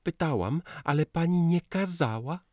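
A woman's voice: deep voice, lively intonation, normal speed, a little mellow, no echo, studio quality, pitched above the performer's own voice. A man voicing a timid young housemaid who apologizes and defends herself. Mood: apologetic. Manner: defensive, pleading.

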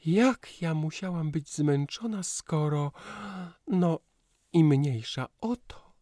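A man voicing a cheerful, playful young wife who chatters brightly. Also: low-pitched, slow pace, dry recording, studio quality, voice pushed up. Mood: chattering. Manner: chirpy, lively storytelling.

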